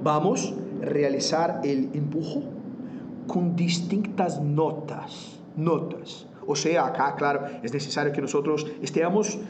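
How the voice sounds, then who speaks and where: Man, Brazilian Portuguese accent, native Portuguese speaker, vocal coach, slow deliberate delivery, slightly high voice, hunts for words, demonstrates exercises. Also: noisy background. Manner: slips in Portuguese words, searches for words. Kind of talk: explanatory interview talk.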